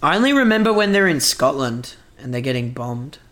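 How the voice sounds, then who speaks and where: A man's voice: mid-range voice, big pitch swings, fairly quick, fairly bright tone. A man co-hosting a casual podcast chat, joking loosely and swearing freely. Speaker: podcast co-host.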